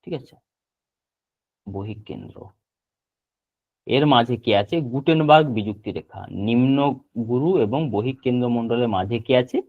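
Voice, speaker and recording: A male teacher leads an online lesson, saying key terms again and again so his students can copy them. His voice sits at an ordinary pitch for a man. It comes through a narrow, tinny call line. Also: lively intonation. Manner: repeats terms slowly for note-taking. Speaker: geography teacher. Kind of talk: online class lecture.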